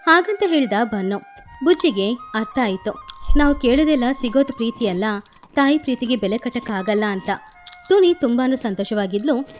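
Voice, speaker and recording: Lively woman narrating a cartoon story. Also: on the high side, moderate pace, soft background music.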